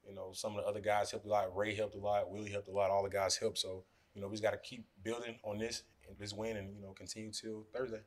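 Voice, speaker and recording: A basketball player in his twenties talks fast with few pauses, his voice on the low side, answering postgame press conference questions. He's relaxed and loose, often filling with "you know," speaking into podium mics in front of him in a press room against a sponsor backdrop.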